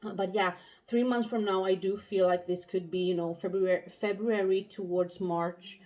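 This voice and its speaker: A young pregnant woman, out of breath, giving a tarot reading in a halting casual monologue full of fillers and restarts. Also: medium pitch, steady tone, a little mellow. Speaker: tarot reader.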